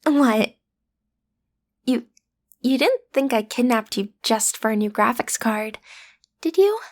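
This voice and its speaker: A woman voices a cute, high-pitched teenage girl pretending to be a supervillain in a roleplay drama, addressing her listener directly. Sassy, theatrical, smug and casual, she speaks slowly with lively intonation. Her menace is playful and rough around the edges, turning awkward and hesitant when she breaks character.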